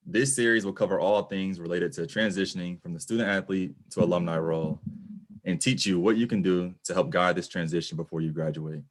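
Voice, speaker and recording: A man's voice: sits low, fairly even intonation, fairly quick. A man hosting a webinar on a video call, reading an upbeat scripted opening and guiding the chat. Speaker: host, program director.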